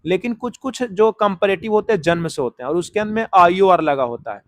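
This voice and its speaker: A man teaching an exam-prep English grammar lesson, explaining step by step, repeating key words slowly and asking and answering his own questions as he writes on a board. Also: high-pitched, lively intonation, no room sound. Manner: writes on a board while talking.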